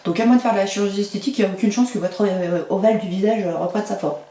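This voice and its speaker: A woman's voice: mid-range voice, rapid-fire, mellow, recorded from a distance. A woman vlogger talking casually through a makeup tutorial, chatty and playful, with little sing-song asides. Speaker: beauty vlogger. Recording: echoey room, mic set back.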